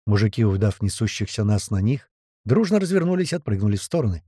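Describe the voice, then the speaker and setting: A man reading a first-person audiobook with tense, lively storytelling. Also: on the low side, fast, no echo, clean studio sound. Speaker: audiobook narrator.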